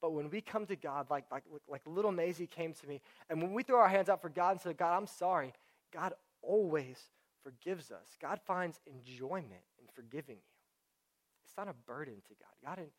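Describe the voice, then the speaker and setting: A man's voice: a little high, animated, moderate pace. A young man giving a casual sermon, talking conversationally with many fillers. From Houston area, United States.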